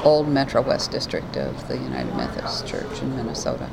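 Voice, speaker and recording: Low-voiced older woman recalling, halting. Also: big pitch swings, gravelly, a loud crowd. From New York State. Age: 70s. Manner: thoughtful, halting with many fillers. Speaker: retired pastor. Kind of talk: oral history interview. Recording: noisy background hiss.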